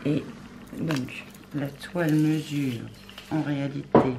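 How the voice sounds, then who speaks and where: A woman hosting a crafts unboxing video, chatting casually and thinking aloud, often murmuring softly. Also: low voice, steady tone, slow. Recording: clear background noise.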